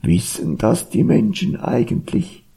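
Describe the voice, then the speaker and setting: A man voicing a simple, boozy ox in a told animal story, drawling slowly. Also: mid-range voice, wildly swooping pitch, vocal fry, warm tone, breathy edge, pitched above the performer's own voice, heavily acted. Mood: sheepish. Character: boozy dim ox, later sheepish.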